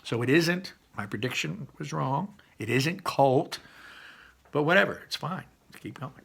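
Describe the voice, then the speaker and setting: A man's voice: a little high, lively intonation, a little slow, vocal fry, fairly bright tone, a little hiss or hum. A man teaching a read-aloud lesson, chatty and explaining with asides.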